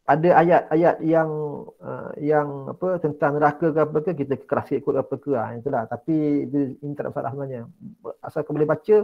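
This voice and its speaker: A Malaysian man who teaches religious studies leads an online exam-prep class from indoors, coaxing his students and repeating key words. His voice is fairly high and gravelly, and the recording sounds muffled.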